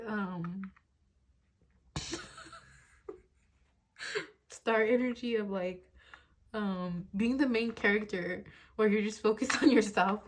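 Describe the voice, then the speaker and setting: A young woman doing a casual tarot reading into a phone on her desk, rambling with many fillers and frequent giggles. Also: on the high side. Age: young adult. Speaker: tarot reader. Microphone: phone on a desk mount.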